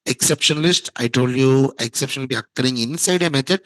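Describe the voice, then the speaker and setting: A man's voice: medium pitch, a little fast, no echo, low-quality recording. Guy teaching coding, keeps quizzing the class and repeating stuff, dry sound. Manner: quizzing students, repeats key terms. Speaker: programming teacher. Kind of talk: classroom lecture.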